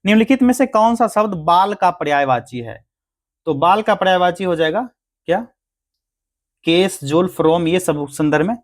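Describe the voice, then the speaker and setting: A man with a somewhat high voice teaches a grammar lesson for exam preparation. He works through each answer step by step. He poses questions and answers them himself. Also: animated, moderate pace.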